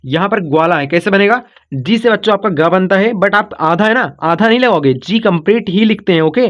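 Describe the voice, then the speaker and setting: High-voiced male teacher, patient and repetitive. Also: fairly quick, dull audio. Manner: patient, repetitive explaining, breaks words into syllables; calls listeners "kids" and "brother", checks in with "okay". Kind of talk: online spelling lesson.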